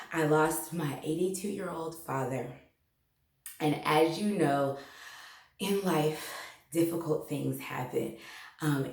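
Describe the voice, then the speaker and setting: Earnest female health educator, low-pitched and unhurried, roomy sound. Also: a little mellow. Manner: slow, earnest, faith-filled. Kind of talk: motivational health talk.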